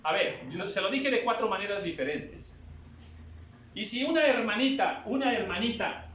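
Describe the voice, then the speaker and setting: A man preaching a sermon, moving between hushed and loud passages and acting out other voices. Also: sits high, animated, normal speed, roomy sound, a little hiss or hum. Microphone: camera at a distance.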